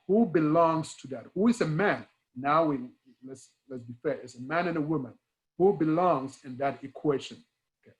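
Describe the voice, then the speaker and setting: The recording is rough, and the man's voice sits on the high side. A Ghanaian guest speaker who teaches engineering, he speaks with a Ghanaian accent and talks earnestly in a conversational interview, emphasizing ideas through repetition and rhetorical questions.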